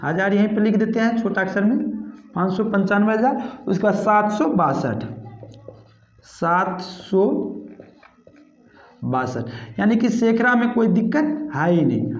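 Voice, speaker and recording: A male math teacher giving a step-by-step classroom lesson, counting digits aloud slowly and repeating himself, calling his students "sir" and "babu". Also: high voice, lively intonation. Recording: echoey room, dull lo-fi sound.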